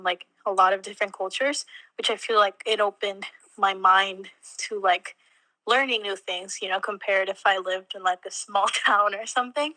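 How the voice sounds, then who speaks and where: This is a college student from Mexico, a young woman in a relaxed interview, talking chattily with plenty of fillers and bits of laughter between words. Her mid-range voice sounds pushed and bright. The recording is echo-free but low in quality.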